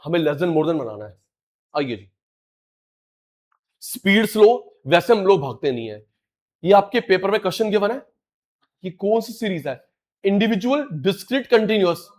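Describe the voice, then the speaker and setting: A middle-aged man teaching a live online class, animated and coaxing, repeating key words to his students. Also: high voice, moderate pace, pauses often.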